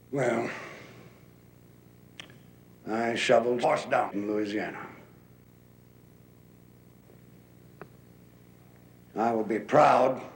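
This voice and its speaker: A gruff sock puppet general, played by a man, declaims a bombastic speech in a comic puppet show. The delivery is very slow and deliberate, with a gravelly creak. The room adds a clear echo. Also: medium pitch. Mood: solemn, proud. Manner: declamatory, deliberate, with long pauses. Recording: roomy echo.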